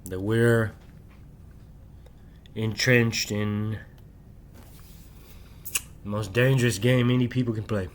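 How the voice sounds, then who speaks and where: Speaking slowly and leaving long pauses, a middle-aged man with a lowish, fairly even voice delivers a late-night monologue to his channel's camera. He talks softly so his family can sleep, rambling along and asking "right?" after nearly each thought.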